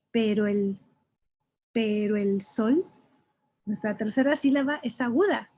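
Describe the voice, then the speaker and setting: A woman teaching an online haiku workshop in Mexican Spanish, explaining patiently, repeating examples slowly and checking in with "ok?". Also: on the high side, mellow, slightly rough. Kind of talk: online poetry lesson.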